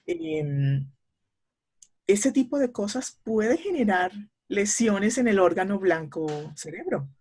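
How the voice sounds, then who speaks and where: A middle-aged woman speech therapist, a guest in an interview, explaining in a measured, teacherly way with frequent hesitation fillers. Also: mid-range voice, expressive, darkish tone, breathy edge.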